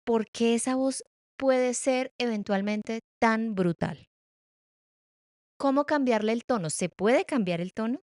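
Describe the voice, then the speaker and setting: A middle-aged woman hosting a reflective podcast monologue, expressive and playful, shifting pace and loudness and laughing at her own stumbles. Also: on the high side, a little slow, no echo, clean studio sound. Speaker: podcast host.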